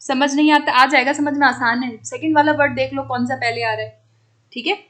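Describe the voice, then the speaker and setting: A woman with a high voice teaches an online exam-prep class. She explains each answer step by step and keeps checking that her students follow along. English terms slip into her explanations. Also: fairly even intonation, a little fast, fairly bright tone.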